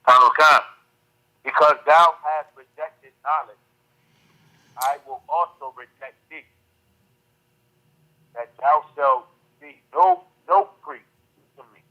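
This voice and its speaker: A man reading Bible verses aloud over a fuzzy, distorted speakerphone line, in brief, measured phrases. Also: a little high, very animated, creaky, bright, forceful tone. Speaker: caller reading scripture.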